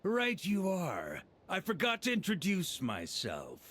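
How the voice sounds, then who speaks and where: An actor playing a jovial grand master knight who sounds like a pirate. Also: male voice, high voice, huge pitch swings, unhurried, a bit bright, heavily acted. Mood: hearty. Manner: hearty, pirate-like swagger.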